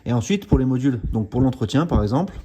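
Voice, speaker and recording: A car channel host with a medium-pitched, expressive, mellow voice and a breathy edge speaks at a quick pace. He gives a hands-on demonstration of a diagnostic tool, explaining it but often hesitating with fillers and restarting words.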